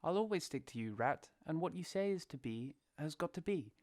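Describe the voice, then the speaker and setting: A man's voice: on the high side, lively intonation, a little fast, a little mellow, close to an everyday voice. A man voicing a shy, hesitant male mole in a fan audio drama. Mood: timid. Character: meek eager male mole, timid and loyal.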